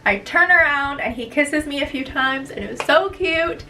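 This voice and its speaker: Bright, bubbly young woman telling a story. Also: high voice, animated, moderate pace, distant mic, poor audio. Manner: bubbly and gushing, chatty rambling. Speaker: vlogger. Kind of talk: casual storytelling chat.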